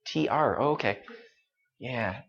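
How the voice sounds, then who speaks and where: A man teaching English pronunciation, slowly repeating each word and switching into now and then. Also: medium pitch, creaky, a bit bright, dull audio, slight background noise. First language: Vietnamese. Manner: slow, repeats words, mixes in Vietnamese. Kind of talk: live-streamed pronunciation lesson.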